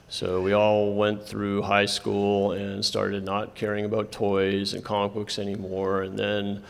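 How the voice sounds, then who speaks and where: In a reverberant hall, a man with a lowish, gravelly voice moderates a convention panel presentation. He talks conversationally, restarts often, and hands off to his co-presenters.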